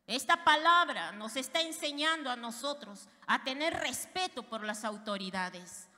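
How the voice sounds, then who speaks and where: A woman's voice: sits high, animated, measured pace, bright, forceful tone. A woman pastor preaching a fervent sermon, speaking directly to her congregation. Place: church. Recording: reverberant church hall.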